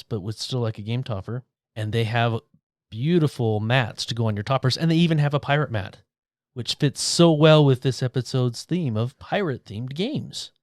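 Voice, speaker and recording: A man's voice: mid-range voice, a little mellow, dry recording, studio quality. A man co-hosting a board game podcast, reading a sponsor message with upbeat enthusiasm. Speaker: podcast co-host. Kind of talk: sponsor read and casual chat.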